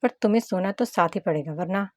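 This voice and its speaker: A woman voicing a feisty young wife who bickers with a sharp tongue. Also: medium pitch, brisk, no room sound, clean studio sound, close to an everyday voice. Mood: bickering. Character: feisty young wife, quick-tempered secret agent.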